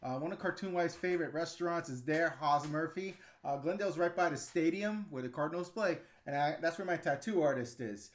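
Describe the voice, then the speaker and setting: Guy from the ny/nj area doing a loose live q&a, slightly high voice, lots of ums and laughs, pretty blunt. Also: a bit bright. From New York / New Jersey area. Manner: chatty, frank, loose, with frequent ums and laughs. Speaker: channel host answering live chat. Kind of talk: casual livestream Q&A.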